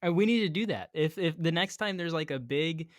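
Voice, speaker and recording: A man telling a story as a podcast guest in casual chat, animated and slangy, acting out the people he quotes. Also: fairly high pitch, a little fast, no echo, clean studio sound.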